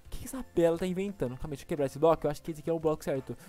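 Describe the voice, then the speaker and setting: A man with a Brazilian accent giving excited, exclaiming gameplay commentary as a gaming YouTuber. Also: a little high, racing, soft background music. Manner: excitable, exclaiming, laughs often.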